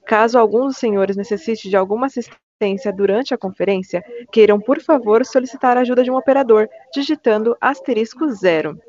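Brazilian female call operator, polite formal customer service read, higher pitch, slightly muffled line. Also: brisk, hardly any pauses, darkish tone. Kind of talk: scripted announcement. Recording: dull, lo-fi phone conference line.

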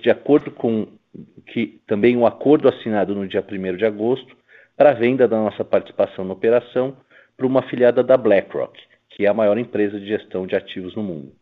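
A Brazilian man, a finance executive, giving a prepared earnings presentation in a formal, businesslike way. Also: on the low side. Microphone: telephone conference call. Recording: tinny, narrow phone line.

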